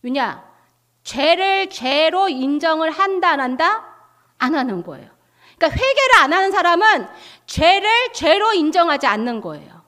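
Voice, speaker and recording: Animated high-voiced woman preacher. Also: normal speed. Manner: animated storytelling, asks the audience questions. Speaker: missionary preacher. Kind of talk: testimony sermon.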